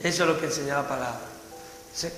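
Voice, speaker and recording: In an echoey church hall with faint music, a pastor preaches a sermon, talking fast in a medium-pitched voice. He fervently puts rhetorical questions to the congregation.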